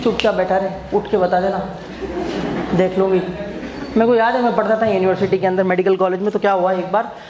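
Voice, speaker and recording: A male coaching teacher giving an exam-prep biology lecture. He jokes and tells stories, and he keeps quizzing the class with repeated questions. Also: high-pitched. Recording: echoey room, faint background noise.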